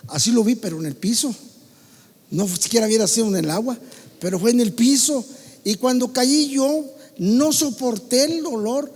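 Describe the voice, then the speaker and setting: A Mexican pastor preaches in a church hall, his voice high for a man and trailing a long reverb. He swings from loud calls to the congregation down to quiet, low asides. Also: moderate pace. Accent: Mexican Spanish. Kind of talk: sermon.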